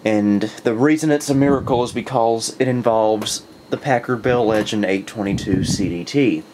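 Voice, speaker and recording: A young man speaks in a mid-pitched voice, tired and a little short of breath, but eager as he rambles along. He corrects himself often mid-sentence. A faint hiss sits under the recording. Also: normal speed. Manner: chatty, self-correcting, enthusiastic. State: winded, worn out. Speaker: vintage computer video host. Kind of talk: casual talk to camera.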